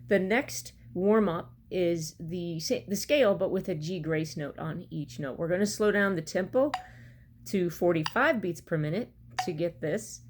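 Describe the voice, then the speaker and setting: A woman's voice: on the low side, a little slow. A middle-aged woman giving an instructional music lesson to camera, explaining step by step and counting out beats. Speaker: bagpipe practice chanter teacher. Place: small room at home, indoors. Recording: clear background noise, home recording. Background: metronome clicks at times, room noise.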